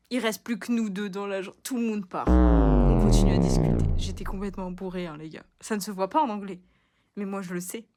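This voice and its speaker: A young woman from France chatting casually into her phone in a slangy, animated vlog, laughing often. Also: fairly high pitch, slight background noise. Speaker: vlogger.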